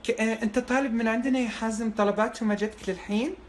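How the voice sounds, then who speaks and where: A man's voice: very high-pitched, steady tone, very fast, voice pushed up. A man putting on a woman's voice as a female doctor in a prank phone call. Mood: polite. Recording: echoey, noisy, distant phone prank recording.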